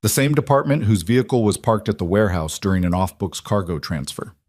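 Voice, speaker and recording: Male narrator with a low voice, measured and grave, dry close sound. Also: a little mellow, dry recording. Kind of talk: scripted dramatic narration.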